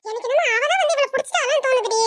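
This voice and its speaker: A woman's voice: very high voice, rapid-fire, no room sound. A woman voicing a bossy, scolding middle-aged mother-in-law with a Tirunelveli Tamil accent. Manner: scolding, sharp-tongued.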